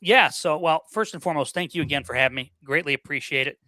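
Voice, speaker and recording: Bright-voiced man talking sports. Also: a little high, fast, no echo. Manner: opinionated, repeats words, many fillers. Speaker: podcast guest. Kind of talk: casual sports talk.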